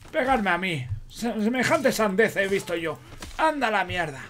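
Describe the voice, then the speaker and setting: High, lively Spanish man role-playing in a game. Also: measured pace, slight background noise. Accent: Spain Spanish. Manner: jokey, swears a lot, talks to himself and coos at animals. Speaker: roleplay streamer. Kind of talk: in-character game role-play commentary.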